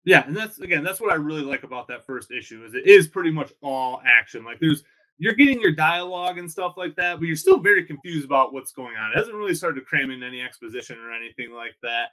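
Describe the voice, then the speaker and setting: A man's voice: fairly high pitch, animated, fast talker, pushed and bright, poor audio. A man co-hosting a podcast in casual chat, leaning on fillers like "you know what I mean.".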